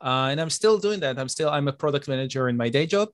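A man's voice: medium pitch, fast talker, dry recording. Middle-aged Israeli-born man, dry sound. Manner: steady, thoughtful, with frequent uh fillers. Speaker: guest author. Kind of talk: interview answers.

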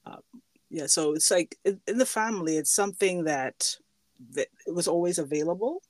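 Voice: medium pitch, normal speed, no echo. A middle-aged podcast host from the Bahamas, chatting and laughing easily while asking questions. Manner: chatty and warm, with frequent fillers and laughs. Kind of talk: casual interview.

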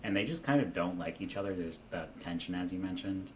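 Guy with a really low voice, dry jokey, swears a bunch, casual chat. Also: fairly quick, darkish tone, a little hiss or hum. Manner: wry, joking, swears freely.

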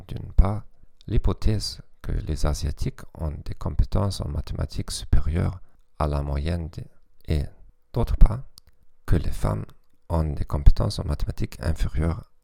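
A man from Germany, a native German speaker, hosting a scripted educational podcast in halting, stilted non-native French with a German accent. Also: sits low, vocal fry, dark tone, no room sound. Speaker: podcast host.

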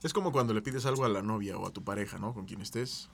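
A man's voice: on the low side, quick pace, gravelly, a bit bright, slight background noise. A man with a Mexican Spanish accent who hosts a casual chat and playfully acts out everyday scenes to make his points.

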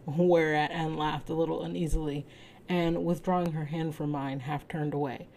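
A woman reading a story aloud in a casual way, steady and measured, now and then breaking off to comment. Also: low-pitched, a little hiss or hum, rough recording. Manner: reads steadily, breaks off to laugh and make asides. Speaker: reader.

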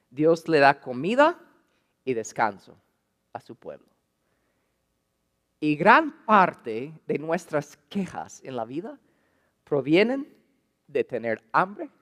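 Guy preaching, high-ish voice, asks the crowd stuff a lot, long echo from the hall. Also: fairly bright tone. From English-speaking country, learned Spanish as a missionary. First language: English. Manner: conversational, asks the audience questions, sprinkles English words. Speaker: pastor. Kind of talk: sermon.

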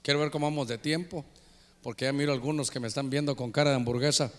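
A man preaching a sermon as pastor, animated and full of call-and-response, telling humorous stories. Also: medium pitch, fast talker, long reverb tail, slight background noise. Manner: tells humorous anecdotes.

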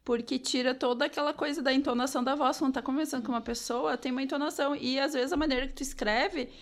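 A woman's voice: high voice, fairly even intonation, quick pace. A woman in casual chat, earnest and insistent, repeating points for emphasis.

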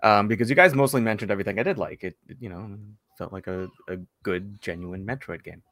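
A young man on a casual podcast, complaining in a lively way. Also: on the low side, fast, dry recording. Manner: animated, complaining. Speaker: podcast co-host. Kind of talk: casual chat.

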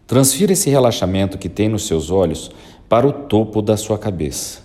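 A man guiding a listener through a hypnosis induction with slow, soothing, repetitive instructions. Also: on the low side, dark tone.

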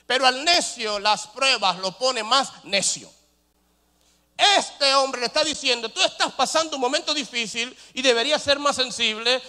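A male pastor preaching a sermon, asking rhetorical questions and swinging between loud rises and soft drops. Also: very high-pitched. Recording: long hall reverb.

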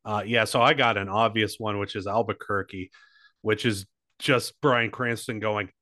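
A man's voice: fairly low pitch, steady tone, moderate pace, pushed and bright, no echo, clean studio sound. A man co-hosting a comedy podcast, swearing freely and riffing on silly bits in casual banter. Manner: joking, crude, riffs with silly bits. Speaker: podcast co-host.

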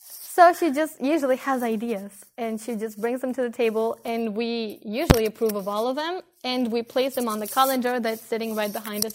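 With a fairly high, slightly mellow voice, a twenty-something podcast host from Spain chats with friends in a relaxed, giggly way, using lots of fillers.

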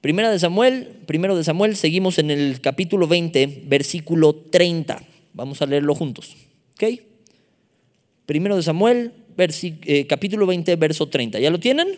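A man's voice: a little high, animated, moderate pace, a little mellow. Man preaching in an echoing hall. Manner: conversational, with joking asides to the audience. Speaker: youth preacher. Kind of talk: Bible study sermon. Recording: echoey hall reverb.

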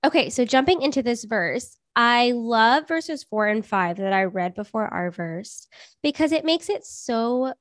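A woman with a raspy voice from a cold, co-hosting a Bible study podcast in an earnest, friendly way. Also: fairly high pitch, animated, unhurried, no echo, clean studio sound. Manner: earnest, friendly teaching with casual fillers. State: sick, raspy voice. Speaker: podcast co-host.

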